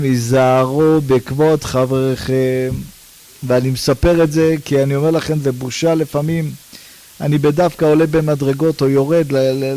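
A man preaching a sermon, animated, firing rhetorical questions and swinging between loud and hushed delivery. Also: mid-range voice, rough recording.

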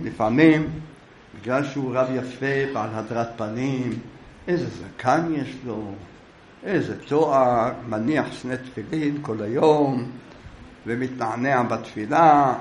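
A man giving a storytelling sermon on the weekly Torah portion, as an animated storyteller. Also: mid-range voice, echoey room, slight background noise, poor audio. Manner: animated storyteller, shifting into character voices. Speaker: preacher.

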